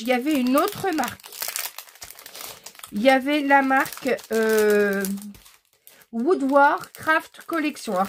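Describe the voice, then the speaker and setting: Chatty, slightly high-voiced Frenchwoman. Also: a little hiss or hum. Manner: chatty, hesitant with frequent "euh" fillers; enthusiastic about craft items. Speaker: scrapbooking vlogger. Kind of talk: casual haul chat, showing purchases.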